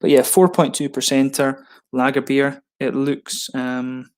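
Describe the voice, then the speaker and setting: A man's voice: mid-range voice, little pitch movement, measured pace, darkish tone. A man giving casual unboxing commentary as a beer reviewer, chatty and rambling with frequent ums.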